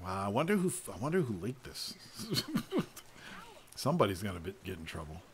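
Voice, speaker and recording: A man's voice: lowish voice, very animated, a little fast, slight background noise. A man hosting a podcast, chatting casually about a game as it plays, swearing and laughing often. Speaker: podcast host. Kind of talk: casual chat over gameplay.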